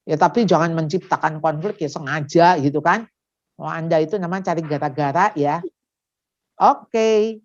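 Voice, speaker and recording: A woman addresses parents at a seminar. She talks in an animated way and slips into short acted exchanges between mother and child. The sound is dull and lo-fi. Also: sits low, normal speed. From Indonesia. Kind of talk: seminar talk.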